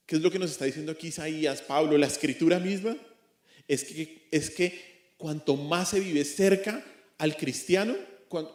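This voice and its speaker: A man's voice: on the high side, darkish tone, echoey room. A man preaching an expository sermon as a pastor, earnest, asking rhetorical questions and repeating his points. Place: church.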